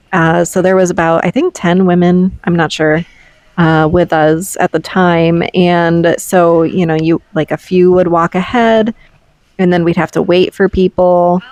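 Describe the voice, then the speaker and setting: Low-voiced woman narrating a casual vlog. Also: darkish tone, dry recording. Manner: conversational, explanatory. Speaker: vlogger. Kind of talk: casual voice-over recap of a trip.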